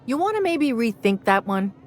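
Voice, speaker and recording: A woman's voice: fairly high pitch, sing-song, moderate pace, slight background noise. An actress playing a stern, no-nonsense female bar owner in a game, firm and dry. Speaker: game character.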